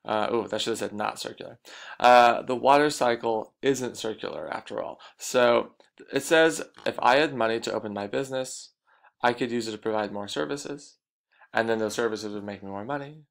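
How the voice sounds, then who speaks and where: A man's voice: medium pitch, normal speed, creaky. A man teaching a recorded lecture, explaining points and repeating the key ones.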